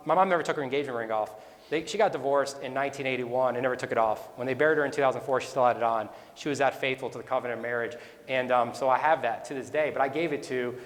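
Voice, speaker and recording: A man in his forties giving a rambling, conversational personal testimony at a business leaders' event. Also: medium pitch. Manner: conversational, rambling with restarts and asides. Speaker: speaker. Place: event hall. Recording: echoey hall with long reverb.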